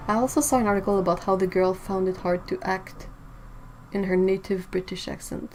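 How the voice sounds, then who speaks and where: A woman hosts a relaxed livestream, chatting freely and responding to viewers' messages. Her voice sits at an ordinary middle pitch, and her easy talk is often broken by laughter. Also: fairly quick, a little hiss or hum, rough recording. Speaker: livestream host. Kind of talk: casual livestream chat.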